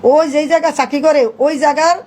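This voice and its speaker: A woman's voice: high-pitched, fairly even intonation, darkish tone, a little hiss or hum, rough recording. A middle-aged woman, giving a rambling spoken account to reporters, acting out what others said. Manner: rapid, rambling, acts out quoted dialogue. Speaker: interviewee, mother of the subject.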